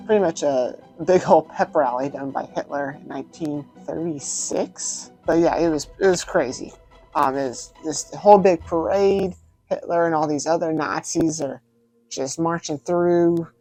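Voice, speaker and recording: A man with a fairly high yet darkish voice hosts a film-review video, recorded in low quality. His commentary is laid-back and conversational, and he repeats words for emphasis.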